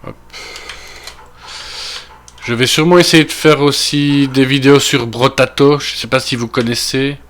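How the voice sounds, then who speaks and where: A Belgian man with a Belgian French accent, just getting over a cold, talks through a game as he plays. He thinks aloud in an easy, casual way, with plenty of fillers and half-finished asides. His voice sits at an ordinary, mid pitch for a man. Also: fairly even intonation, measured pace, fairly bright tone, slight background noise. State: recovering from a cold. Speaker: gaming video creator. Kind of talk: casual gameplay commentary.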